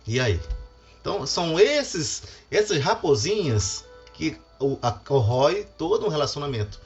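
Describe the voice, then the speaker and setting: A middle-aged Brazilian pastor delivers a devotional talk on family, animated and acting out the lines he quotes. His voice is on the high side and creaky at a moderate pace, in a dull lo-fi recording with faint music.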